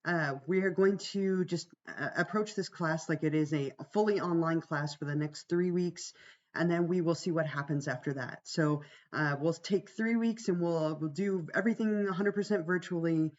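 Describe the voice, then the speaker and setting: Gravelly-voiced woman teaching on a livestream. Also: lowish voice, moderate pace, a little mellow, dull audio. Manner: reassuring, conversational. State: fighting a cold, voice strained from much talking. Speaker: college psychology instructor. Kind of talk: informal livestreamed class orientation.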